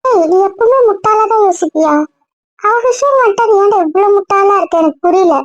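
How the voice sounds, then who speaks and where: Actress as a blunt young woman friend, scolding, very high voice, fast talker, web drama. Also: no echo, dull audio. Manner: sharp, lecturing, rapid-fire.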